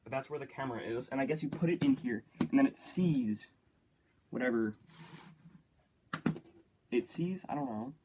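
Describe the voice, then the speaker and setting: A young man chatting to himself as a YouTuber, easily excited and joking while he builds and plays. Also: medium pitch, moderate pace, long pauses, noisy background. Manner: chatty self-talk, easily excited, jokey. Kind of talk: casual build-and-play commentary.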